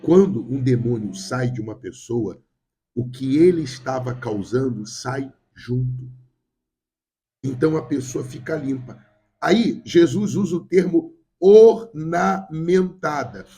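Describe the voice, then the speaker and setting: Getting over a cold, this Rio-accented Brazilian pastor delivers an emphatic, repetitive sermon aimed straight at his congregation. He speaks slowly but animatedly, in a medium-pitched voice that is mellow and slightly rough.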